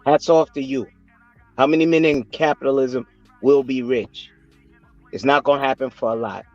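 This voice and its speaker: A man's voice: mid-range voice, fairly even intonation, normal speed, no room sound, dull audio, soft background music. A man in a heated panel debate, confrontational and scolding, with rhetorical turns of phrase.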